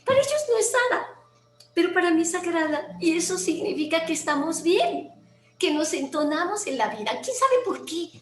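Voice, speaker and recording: A woman with a Mexican accent, a guest telling a personal story in a lively way, acting out quoted voices and sometimes dropping to a near whisper. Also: very high voice, moderate pace. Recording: roomy with faint background noise.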